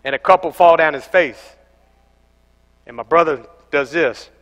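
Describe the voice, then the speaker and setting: A young man preaching a sermon as pastor, animated and telling stories with acted-out voices. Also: fairly high pitch, measured pace. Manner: animated storytelling, acting out voices. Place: large church hall. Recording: echoey church hall.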